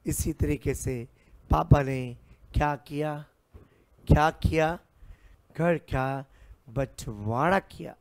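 A man teaches a commerce lesson as a lively story. He speaks slowly with a fairly high voice, and he keeps slipping into playful voices and repeating lines to drive the point home. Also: no room sound. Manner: theatrical, acts out characters, sings snatches, repeats lines. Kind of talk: playful classroom lecture with a story.

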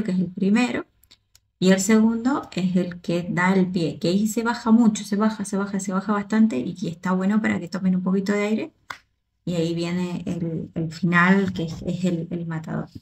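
A woman with a gravelly, creaky voice talks through a performance as a choreographer reacting casually. She gets excited, repeats words and keeps restarting her sentences. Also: mid-range voice, normal speed. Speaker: choreographer and dance teacher reacting to videos.

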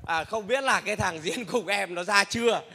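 A man performing a stage comedy sketch as a motorbike taxi driver, loud, boastful and bantering. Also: high voice, normal speed, creaky, slightly rough. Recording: reverberant hall.

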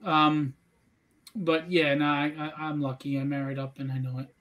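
A man's voice: a little high, little pitch movement, moderate pace, muffled recording. A man hosting a live stream, chatting casually in a rambling, joking, candid way. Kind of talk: casual chat.

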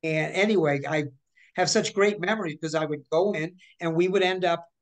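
Over a video call from home, in her living room, a forties-aged guest voice actor recounts stories casually for an interview. Her voice sits on the low side at a normal speed, and she's chatty and animated, gesturing and frequently restarting sentences midway.

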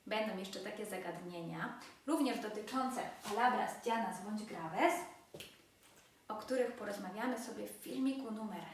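A woman teaching a language lesson, explaining slowly and stressing each example word. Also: mid-range voice, recorded from a distance, slight background noise. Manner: slow, deliberate explaining with emphatic example words. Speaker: Spanish teacher. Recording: very echoey room, voice from afar.

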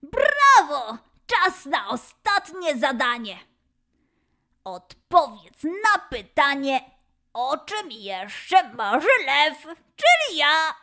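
Bright, very high, upbeat male lion mascot played by a woman leading a kids' dance class; unhurried, lively delivery. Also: exaggerated voice. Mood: cheerful. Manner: excited, sing-song cheering, drawn-out calls. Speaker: children's dance and gymnastics leader. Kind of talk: children's exercise instruction.

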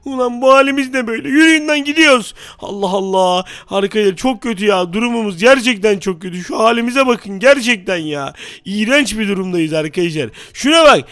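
A man narrates a game role-play in a loud, exasperated way and often breaks into shouts. His voice sits high. The recording is dry and close. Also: expressive, fairly quick, no room sound. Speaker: gaming YouTuber. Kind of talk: Minecraft role-play commentary.

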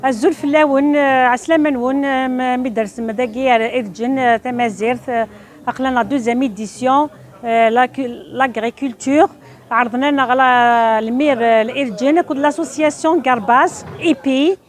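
A woman in her fifties from Tizi Ouzou introduces herself as a craft exhibitor, pausing often with fillers, at an outdoor fair stand. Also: high voice. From Tizi Ouzou, Algeria. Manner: hesitant, many fillers.

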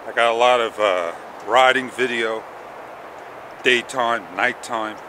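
This is a casual morning vlog from a middle-aged man of medium pitch walking a park path, his action camera held at arm's length. Easygoing and rambling, he thinks aloud with lots of pauses while sucking on candy for a slightly sore throat. Passing traffic and outdoor sounds run underneath.

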